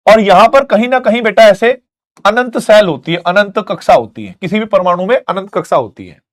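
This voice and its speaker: A man's voice: sits high, normal speed. A male teacher giving a classroom lecture, telling stories and making sound effects to explain a point. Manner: animated storytelling with sound effects.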